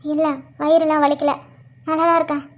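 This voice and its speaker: Woman voicing a soft-spoken young pregnant wife. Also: high voice, completely flat delivery, racing, lo-fi sound, voice pushed down, close to an everyday voice. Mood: weary. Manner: soft, quiet, reassuring. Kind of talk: cartoon voice acting.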